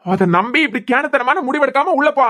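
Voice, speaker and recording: A voice actor playing a young husband in a cartoon serial, with a Kanyakumari Tamil accent, pleading and trying to calm his wife. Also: high-pitched, fast talker. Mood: soothing, insistent. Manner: pleading, soothing, insistent.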